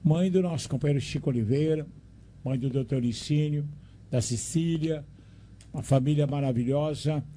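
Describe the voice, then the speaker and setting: A man's voice: fairly high pitch, normal speed, warm tone, a little hiss or hum. An older Brazilian man hosting a radio talk show, chatting fondly with callers and adding preachy asides. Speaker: radio host.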